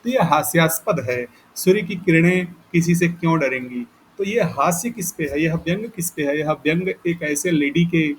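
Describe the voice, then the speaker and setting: A man's voice: a little high, fairly bright tone, a little hiss or hum, poor audio. A male teacher giving a lecture, explaining patiently and repeating key points with frequent check-ins. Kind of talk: classroom lecture.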